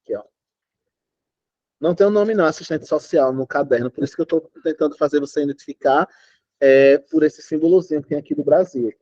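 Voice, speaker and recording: A man's voice: fairly high pitch, brisk, warm tone, no echo. A Brazilian man teaching Portuguese in an online exam-prep class, emphatic and often checking that students follow. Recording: dull, lo-fi online class audio.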